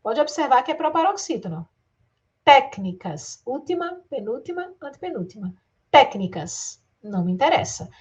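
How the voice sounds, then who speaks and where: Brazilian woman teacher, kinda high voice, drags out syllables, keeps asking the class stuff. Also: a little fast, breathy edge. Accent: Brazilian Portuguese. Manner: lively, stretches words out syllable by syllable; addresses students directly, asks rhetorical questions. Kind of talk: exam-prep grammar lesson.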